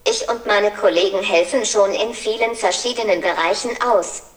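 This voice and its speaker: A woman's voice: medium pitch, moderate pace. A synthetic female voice of a humanoid service robot, speaking in polite, cheerful assistant phrases during a scripted demo. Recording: roomy and far from mic.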